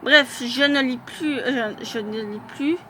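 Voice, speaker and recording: A woman's voice: sits high, measured pace, pushed and bright, a little hiss or hum. A woman chatting casually in a vlog as she reviews fan profiles, hesitating often with filler sounds and restarts.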